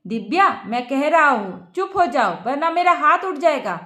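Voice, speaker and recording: A woman's voice: high voice, very animated, moderate pace, pushed and bright, roomy sound, heavily acted. A woman voicing a young husband who firmly scolds his wife. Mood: stern. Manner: scolding, firm.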